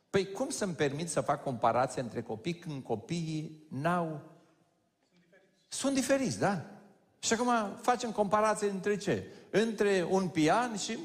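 A man preaching in a large church hall, with long reverb trailing after his words. His voice sits a little high and swings widely in pitch. He jokes and talks straight to the congregation. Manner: lively, joking, addresses the audience directly. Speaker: pastor. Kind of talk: conversational sermon to a congregation.

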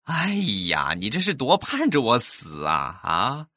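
A man, telling comic family anecdotes in an animated way. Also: lowish voice, a little slow, dry recording, studio quality. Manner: animated, acts out voices. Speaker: comic storyteller.

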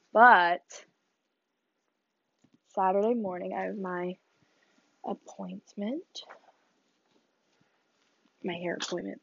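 A teenage woman hosts a casual solo podcast from a small bedroom, chatty and rambling, sniffling, coughing, and laughing as she goes. Her mid-range voice is creaky with a breathy edge, and the highs are cut off.

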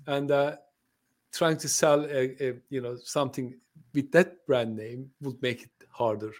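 This man speaks at medium pitch and a measured pace, his intonation staying fairly even. A Turkish-born native Turkish speaker now living in the UK, he runs a translation company and appears as a guest on a podcast, chatting in an interview style that is warm yet hesitant, full of fillers and false starts.

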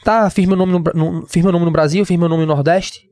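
A man in his twenties with a Northeastern Brazilian accent, telling his story as a podcast guest, slangy and animated, acting out what others said. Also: fairly high pitch, fairly quick, dry recording, soft background music. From Pernambuco, Brazil. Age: 20s. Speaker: guest, MMA fighter.

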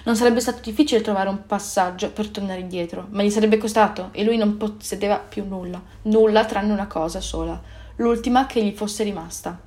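A woman narrating a story in a calm, even storytelling manner. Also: mid-range voice, brisk. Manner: calm, even storytelling with small self-corrections.

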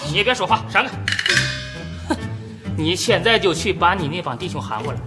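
A man's voice: high-pitched, sing-song, a little fast, long reverb tail, music in the background. An actor playing a brash, teasing male constable with a Tianjin accent. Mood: tough. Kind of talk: sitcom acting.

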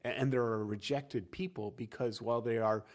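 A man's voice: mid-range voice, fairly even intonation, fairly quick. A man explaining church history in a casual conversational discussion, lecturing with frequent restarts.

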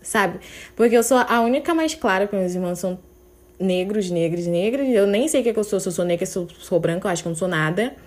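A woman's voice: medium pitch, lively intonation, very fast. A young woman talking candidly and emotionally on her podcast, at times close to tears. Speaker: podcast host. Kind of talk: personal confessional podcast.

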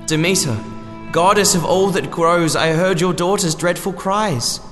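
A man's voice: high-pitched, a little slow, fairly bright tone, in a large hall, faint music behind, pitched above the performer's own voice. A man voicing a solemn ancient goddess of magic who speaks in stately rhymes. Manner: rhyming, stately speech.

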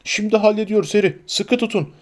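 A man doing a gruff protective giant. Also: sits high, fast talker, voice pushed up, lightly acted. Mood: urgent reassuring. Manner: bellowing reassurance. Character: huge gruff male half-giant, protective.

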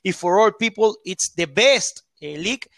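A man from Ecuador, a football pundit in an interview, halting as he searches for English words. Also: high voice, expressive, creaky, fairly bright tone, dry recording.

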